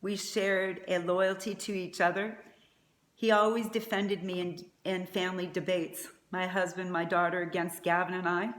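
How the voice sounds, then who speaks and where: A woman's voice: fairly low pitch, little pitch movement, moderate pace. A middle-aged woman giving a prepared eulogy as a mother, speaking in a tender, faltering way. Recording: echoey room.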